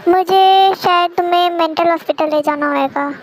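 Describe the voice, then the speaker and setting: Woman voicing a rough, bossy young man. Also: very high voice, fairly even intonation, normal speed, slight background noise. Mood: teasing. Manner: gruff, teasing, bossy. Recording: music playing underneath.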